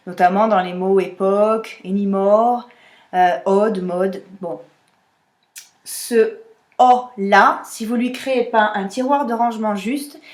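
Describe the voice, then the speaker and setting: A woman singing teacher walks through a vocal exercise, explaining each step and modelling the vowel sounds herself. Her voice sits at an ordinary middle pitch. The room around her is echoey. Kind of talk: vocal technique lesson.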